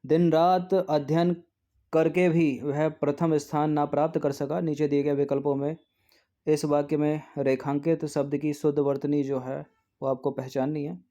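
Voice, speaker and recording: Man teaching a spelling lesson, mellow voice. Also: on the high side, little pitch movement. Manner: goes through answer options aloud, repeating words slowly. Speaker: exam coaching teacher.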